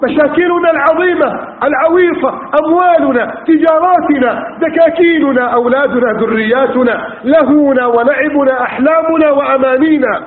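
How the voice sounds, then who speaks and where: A man's voice: very high voice, fairly quick, hardly any pauses. A man preaching a sermon, telling stories with passion and piling up rhetorical lists. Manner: impassioned storytelling with rhetorical lists. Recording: tinny, echoey hall recording.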